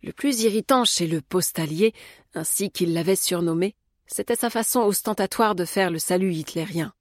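A woman reading an audiobook as narrator, in a calm, measured way. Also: lowish voice, no room sound, studio quality. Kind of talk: scripted narration.

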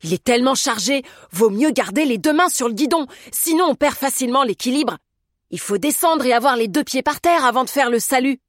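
A woman voicing a practical, cheeky housemaid who talks in a brisk, chatty way in an audiobook. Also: high voice, animated, no echo, clean studio sound, voice pushed up. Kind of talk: audiobook character voice.

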